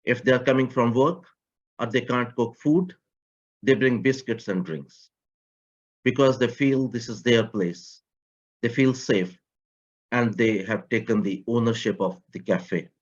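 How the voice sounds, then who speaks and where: Man giving a measured talk. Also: medium pitch. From Pakistan. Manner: measured, slightly non-native grammar. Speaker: community project coordinator. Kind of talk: prepared talk. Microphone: video call. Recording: muffled online call audio.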